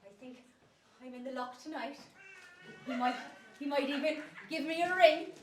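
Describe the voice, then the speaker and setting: A woman playing a bossy, man-hungry landlady in an amateur stage pantomime, shrill, camp and declaiming to the audience. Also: normal speed, natural voice. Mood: coy, teasing. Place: community centre stage. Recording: echoey hall from far off, faint noise.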